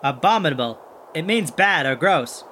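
A man's voice: a little high, moderate pace, a little hiss or hum. A man playing a plucky, kindhearted, wisecracking monster hunter who narrates and acts in a children's audio adventure with folksy exclamations. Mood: friendly. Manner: folksy exclamations, animated chatter to sidekick.

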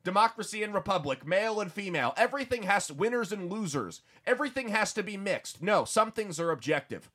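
A man's voice: sits high, sing-song, fairly quick, few pauses, a bit bright. A man hosting a political talk show, ranting emphatically with frequent repeated words. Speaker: podcast host.

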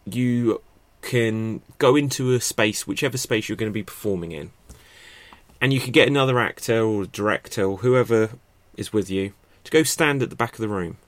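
A man's voice: on the low side, moderate pace, no room sound. A man hosting a podcast, explaining improv stagecraft in a chatty, off-the-cuff way. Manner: chatty, thinks aloud with fillers and restarts. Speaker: podcast host teaching improv. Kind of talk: unscripted instructional talk. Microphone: podcast microphone.

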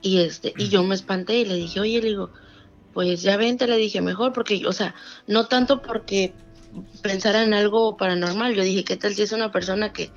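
A woman's voice: medium pitch, normal speed, highs cut off, soft background music. A woman with a Mexican Spanish accent telling a true scary story in casual conversation, acting out the voices of the people in it. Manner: animated retelling with quoted dialogue.

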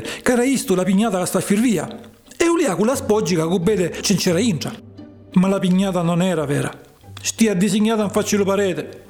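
A male storyteller with a fairly high voice, reading a children's tale in a lively, expressive way. Soft music plays quietly under his narration.

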